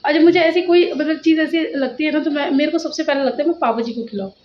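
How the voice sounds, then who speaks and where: A high, bright-sounding woman in her thirties talks through a casual home vlog, rambling and circling back on herself as she chats about her day. The audio is a little muffled, like a phone recording at home. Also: fast, a little hiss or hum. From India. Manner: chatty, rambling, says "matlab" often. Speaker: vlogger and mother. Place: home kitchen and rooms.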